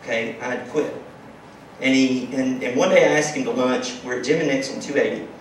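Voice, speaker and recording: A man's voice: mid-range voice, a little fast, slight background noise. A man telling his startup story in a conference talk, emphatic and punctuating his points with "okay?". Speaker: startup founder giving a talk. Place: large conference room with audience. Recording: very echoey hall, distant mic.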